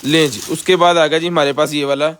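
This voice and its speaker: A man with a Pakistani accent giving a casual live sales pitch as a seller, pushing items hard and repeating himself like a hard-sell ad. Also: steady tone, brisk, a bit bright, slight background noise. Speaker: live-stream seller of container goods.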